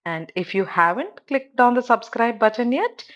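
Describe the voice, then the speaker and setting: A woman's voice: fairly high pitch, lively intonation, moderate pace. A woman with a South Indian accent narrating a cooking tutorial as host, giving step-by-step instructions and often prompting the viewer to look.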